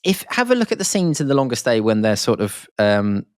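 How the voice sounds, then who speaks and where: A man's voice: mid-range voice, very animated, a little fast, darkish tone, no room sound, studio quality. A man hosting a podcast, rambling and enthusiastic, with lots of fillers and restarts. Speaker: podcast host. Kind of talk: casual podcast monologue.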